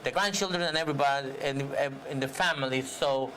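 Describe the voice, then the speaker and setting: A man hosting a TV interview, asking rambling, halting questions with many fillers. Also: medium pitch, bright, forceful tone, a little hiss or hum. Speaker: TV show host.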